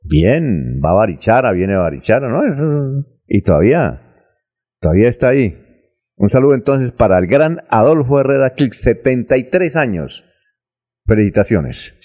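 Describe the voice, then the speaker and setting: A man hosting a radio call-in, briskly reading out listener questions and the time. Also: medium pitch, sing-song, mellow. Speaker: radio host.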